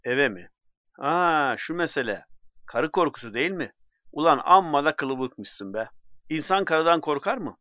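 Man doing a rowdy drunk, brash and shouting, higher and swinging voice, dull dry sound in a storybook reading. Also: expressive, a little slow, dry recording. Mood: boastful. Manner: slurring swagger, shouting and taunting. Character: drunk loud middle-aged man, boastful and belligerent.

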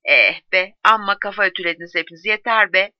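A woman's voice: medium pitch, lively intonation, fast, dry recording, highs cut off, lightly acted. A woman reading a defiant young soldier.

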